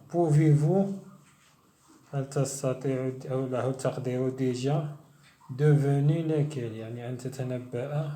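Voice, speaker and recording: A man teaching a bilingual reading lesson, reading each phrase slowly and deliberately before translating it. His voice is mellow and unhurried, and the room has a noticeable echo. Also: medium pitch. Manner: reads French slowly, then translates quickly. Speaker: French teacher. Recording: echoey room.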